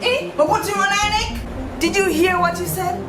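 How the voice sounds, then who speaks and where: A woman's voice: very high voice, normal speed, very noisy. A woman playing a defiant teenage daughter at wits end, exasperated and pleading with her father in a Jamaican accent, in a drama. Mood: indignant, exasperated. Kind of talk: dramatic acting in Jamaican Patois. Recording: roomy echo, music laid over dialogue.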